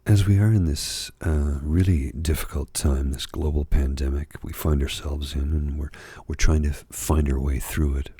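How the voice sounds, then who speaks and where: A middle-aged or older man with a husky, gravelly voice gives a soft-spoken, confessional ASMR monologue, confiding in a halting, reflective way. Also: a bass voice, fairly even intonation, no echo. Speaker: ASMR host.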